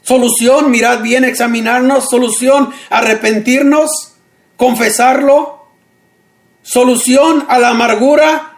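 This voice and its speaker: A man preaching a radio sermon, earnest, repeating short phrases slowly for emphasis. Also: extremely high pitch, fairly even intonation, gravelly.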